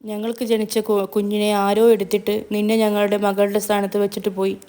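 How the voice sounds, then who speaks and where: A solemn middle-aged father who chooses his words slowly and holds back sorrow, voiced by a woman narrator. The delivery stays level and restrained, close to her own plain reading voice, in a storybook telling. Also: medium pitch, completely flat delivery, dark tone, close to an everyday voice. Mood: sorrowful. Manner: slow, grave, restrained.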